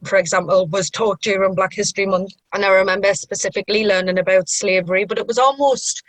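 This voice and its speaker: Young lass, strong sunderland mackem accent, chatting earnestly in an interview, dry close sound. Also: female voice, medium pitch, dry recording, poor audio. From Sunderland, England. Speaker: sociology group member being interviewed. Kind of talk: casual interview talk.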